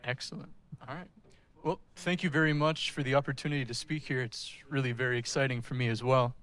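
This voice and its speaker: A man's voice: medium pitch, fairly even intonation, brisk, fairly bright tone. A man giving a technical presentation in front of an audience, addressing the listeners directly. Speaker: speaker giving a technical talk. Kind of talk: conference-style presentation to an audience.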